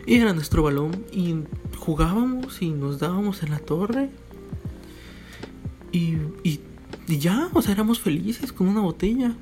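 A man's voice: a little high, a little mellow. A young man with a Mexican Spanish accent, talking casually in a joking monologue with quoted voices. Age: young adult.

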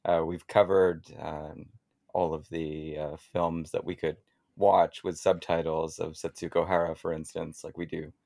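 A man's voice: low voice, level tone, a little slow, gravelly, dark tone, dry recording, studio quality. A man who is a podcast guest, chatting and explaining at length in a casual way.

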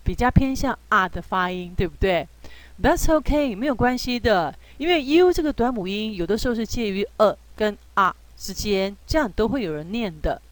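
A woman teaching English phonics in a relaxed, patient way, with many drawn-out fillers and reassuring asides. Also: medium pitch, no echo. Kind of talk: relaxed spoken lesson.

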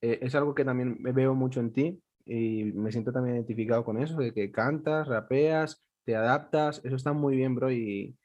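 Friendly host, easy and affirming. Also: male voice, mid-range voice, normal speed, few pauses, a little mellow, lo-fi sound. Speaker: podcast host. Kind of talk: casual interview chat.

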